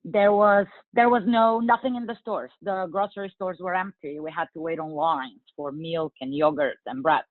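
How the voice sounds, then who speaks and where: A Bulgarian woman in her forties answers interview questions as a guest, speaking English with a Bulgarian accent in an earnest, measured way and using lots of fillers. Her voice is on the low side and steady, and the dry recording sounds tinny, like a phone line.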